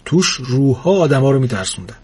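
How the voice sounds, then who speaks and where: A man's voice: mid-range voice, big pitch swings, darkish tone, slightly rough. A man doing a boastful ghost in blue. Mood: eager. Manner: eager, boasting, quick to panic.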